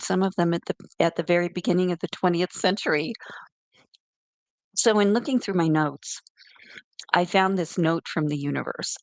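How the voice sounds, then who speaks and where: In a dry recording, a middle-aged woman with a deep voice hosts a casual spiritual talk show. She is friendly, chatty and rambling, frequently correcting herself as she talks.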